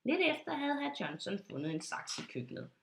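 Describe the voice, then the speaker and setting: A woman calmly reading a children's storybook aloud to young listeners. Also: high-pitched, gravelly. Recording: roomy echo.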